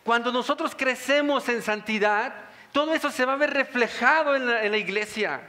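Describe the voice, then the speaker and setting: A man's voice: very high-pitched, normal speed, pushed and bright. A man preaching a sermon, often putting rhetorical questions to the congregation. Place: church hall. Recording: music under long church reverb.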